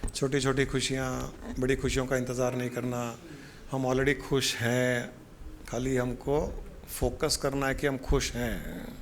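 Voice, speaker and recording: A man's voice: medium pitch, steady tone, a little slow, slight background noise. A man speaking as a spiritual guru, giving a casual devotional talk with a folksy, joking storytelling manner.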